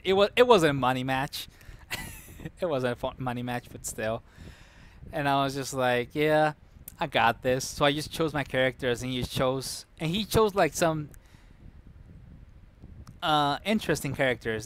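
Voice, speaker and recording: A man's voice: medium pitch, a bit bright. Chatty streamer man telling a rambling story. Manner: chatty, laughs often, restarts and corrects himself; reacts to chat mid-story.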